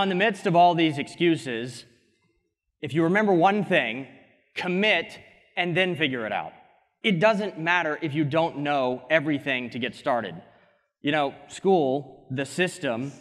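A young man giving an energetic motivational keynote on a conference stage through a headset mic. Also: fairly high pitch, a little slow. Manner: energetic, gesturing, quips at co-speaker. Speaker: keynote speaker. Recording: hall reverb from a conference stage.

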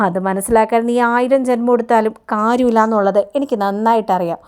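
A woman's voice: on the high side, fairly even intonation, fast talker, darkish tone, clean tone, lightly acted. A woman voicing a stern older male teacher who lectures and scolds. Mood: scolding.

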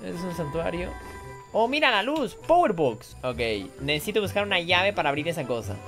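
Woman, gaming commentary, excitable, shrieks and yelps, playful swearing, lively swooping pitch, game music behind. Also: moderate pace. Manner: jokey, swears in Spanish and English. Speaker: streamer playing games.

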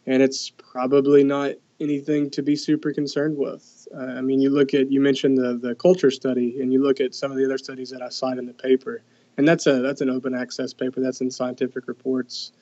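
A young guest researcher explains his study findings in casual, conversational talk, hesitating with many "um"s and restarts. His medium-pitched voice is monotone, a little fast and dark in tone, with the highs cut off.

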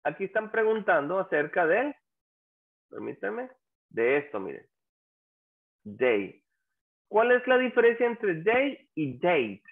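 A man teaches a class at an unhurried pace, patiently drilling example phrases and quizzing his students. His pitch sits a bit high and swings widely as he talks. The sound is thin and narrow, like a phone line. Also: vocal fry. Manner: asks the class questions and prompts them to answer. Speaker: English teacher. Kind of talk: classroom language lesson.

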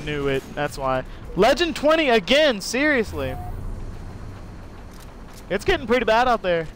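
A man's voice: sits high, very animated, a little slow, a bit bright, a little hiss or hum. A young man live-streaming a shooter game, rambling casually, swearing and laughing as he plays. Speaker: gaming streamer. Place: home room during a thunderstorm.

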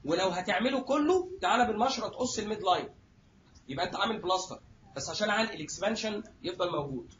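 Egyptian male lecturer, quick and high, jokey, muffled recording. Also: animated, a bit bright, slight background noise. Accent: Egyptian Arabic. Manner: jokey, acts out little scenes, addresses students directly. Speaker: surgery lecturer. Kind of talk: lively classroom lecture.

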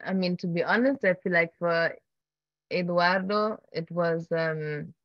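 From a home room with wooden beams, a woman filmmaker and keynote guest answers questions in a conversational Q&A over a muffled laptop webcam call. Her pitch is fairly low and her pace a little slow, with no room sound. She's hesitant, using many fillers and restarts alongside soft laughs.

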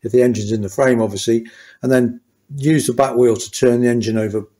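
Older mechanic, chatty how-to narration in a small garage workshop, thinks aloud mid-task. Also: male voice, medium pitch, fairly even intonation, fairly quick, mellow. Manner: thinking aloud, restarting sentences while working. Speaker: motorcycle mechanic. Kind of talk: hands-on workshop tutorial.

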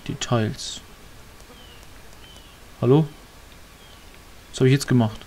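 A man's voice: medium pitch, slow, mellow. Rambling male let's player. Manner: rambling, muttering to himself, mildly grumbling. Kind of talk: casual gameplay commentary.

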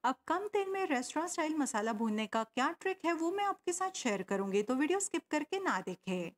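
A woman talks through a home cooking recipe. She explains step by step and adds tips along the way. Her voice is high and swings widely in pitch. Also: big pitch swings, a little fast. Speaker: cooking channel host. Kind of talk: recipe voice-over narration.

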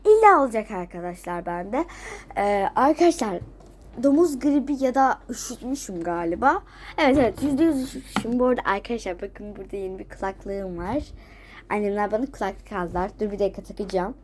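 A woman's voice: medium pitch, animated, a little fast, a little hiss or hum. A teenage girl vlogging casually while sick with a cold, coughing and runny-nosed, chatting repetitively to her friends. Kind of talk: casual chat to camera. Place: at home, just out of bed.

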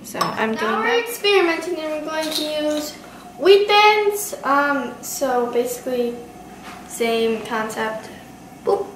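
This home cooking demo features a teenage girl whose high, sing-song voice moves at a measured pace over a noisy background. She explains each step casually with many "like"s and "um"s, while dishes clatter in her roomy kitchen and a nearby camera captures it.

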